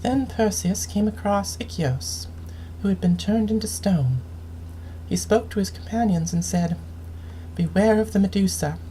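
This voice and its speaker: A woman game streamer with a mid-range voice reads story texts aloud, taking a measured, dramatic storytelling approach. Background noise is clearly audible throughout the recording.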